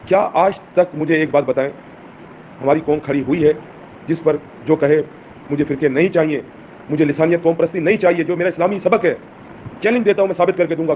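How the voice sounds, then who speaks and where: A movement leader addresses his followers in an impassioned, urgent speech, exhorting them with rhetorical questions. His voice is fairly high and a little mellow; the audio has its highs cut off and a little hiss or hum.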